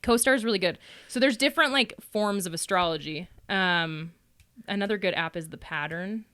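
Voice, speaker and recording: With a mid-range, clear, resonant voice that's a bit bright, a woman speaks at a moderate pace. She's a guest tarot and astrology reader, an adult and a parent, explaining things in a chatty, informal manner peppered with laughing asides.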